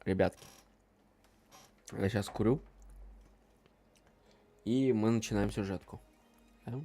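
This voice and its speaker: Low-voiced man streaming a game. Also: slow, warm tone. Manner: informal, slangy asides to chat. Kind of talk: casual livestream chat while playing a game. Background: game music.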